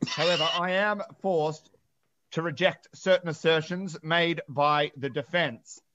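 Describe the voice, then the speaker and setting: A man's voice: a little high, fairly even intonation, a little slow, a bit bright, dull audio. A man voicing a fussy, bumbling judge in a casual fan read-through. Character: fussy confused old male judge.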